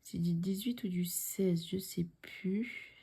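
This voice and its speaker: Chatty woman with a low, mellow voice. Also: slow pace, gravelly, husky. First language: French. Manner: chatty, repeats herself, drops into soft near-whispers. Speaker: cross-stitch vlogger. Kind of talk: casual show-and-tell vlog.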